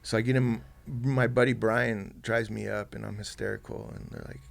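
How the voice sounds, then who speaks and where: A man, a podcast guest telling a personal story softly and haltingly, with many fillers and restarts. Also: fairly low pitch, little pitch movement, gravelly.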